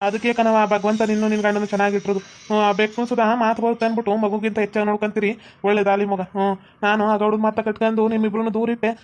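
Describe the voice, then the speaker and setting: A woman with a North Karnataka Kannada accent voicing a cartoon parent, talking in a flat, hurried way. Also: mid-range voice. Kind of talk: cartoon voice acting.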